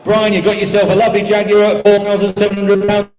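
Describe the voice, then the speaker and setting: A man's voice: high voice, monotone, fast talker, darkish tone. A man calling a live auction, chanting and repeating bids and figures as auctioneer. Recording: echoey hall sound with music behind.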